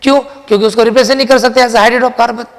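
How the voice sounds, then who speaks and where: A man teaching chemistry in a classroom lecture, mixing Hindi and English, asking and answering his own questions and repeating key sentences slowly for dictation. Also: very high voice, fairly even intonation, in a large hall. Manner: addresses students as children, asks and answers his own questions.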